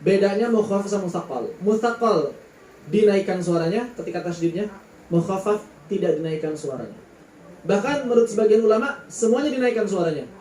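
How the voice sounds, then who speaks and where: Man, high mellow voice, patiently explains recitation, drawls the letter names, echoey room. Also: lively intonation, fairly quick, a little hiss or hum. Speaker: Quran recitation teacher. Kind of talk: Quran recitation lesson.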